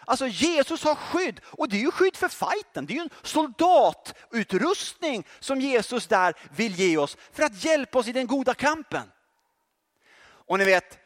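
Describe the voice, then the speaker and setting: A male preacher giving a lively sermon, joking and speaking directly to the congregation. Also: high-pitched. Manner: animated, joking, addresses audience directly.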